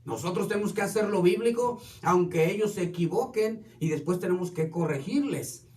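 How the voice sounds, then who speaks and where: A man's voice: high voice, normal speed, darkish tone. A man preaching a sermon as pastor, telling stories with quoted dialogue. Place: church hall. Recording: echoey hall, distant mic.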